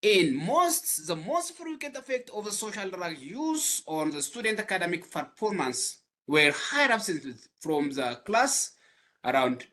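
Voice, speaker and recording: Slow, halting man with an Ethiopian accent. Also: a little high, pushed and bright. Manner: halting, frequent pauses and fillers. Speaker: webinar presenter. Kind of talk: academic presentation. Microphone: video call.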